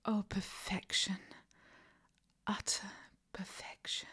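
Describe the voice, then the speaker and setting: A woman doing a whispered ASMR roleplay, giving slow, commanding instructions in a soft whisper with endearments and quiet laughs. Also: medium pitch, flat delivery, husky.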